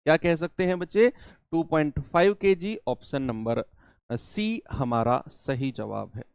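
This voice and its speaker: A man's voice: a little high, lively intonation, measured pace, vocal fry, a little mellow, clean tone, no echo, clean studio sound. A man teaching a math lesson, explaining problems step by step and asking his students questions as he goes.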